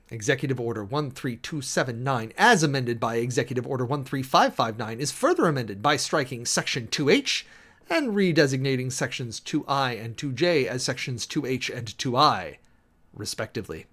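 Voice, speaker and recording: A streamer and host, a man with a mid-range, fairly bright voice, gives a dramatic, emphatic reading of a formal document. He's theatrical about it, spelling out the punctuation and announcing section headings as he goes.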